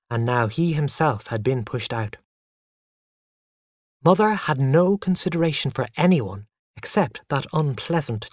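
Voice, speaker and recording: Lively first-person storyteller. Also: mid-range voice, no room sound, clean studio sound. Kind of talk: first-person story narration for English learners.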